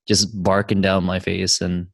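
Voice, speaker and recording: A man's voice: deep voice, level tone, a little slow, creaky, dry recording. A man co-hosting a podcast, telling a story in casual chat, rambling with lots of "like" and swearing. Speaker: podcast co-host.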